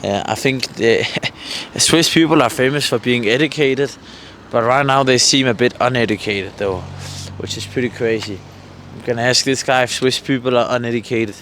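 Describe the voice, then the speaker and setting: A man with a mid-range, fairly bright voice talks at a normal speed with hardly any pauses. He's a vlogger doing street interviews, chatting casually, rambling a little hesitantly and asking passers-by questions beside a road in a mountain valley. The recording is windy and noisy, as you'd expect at an outdoor roadside.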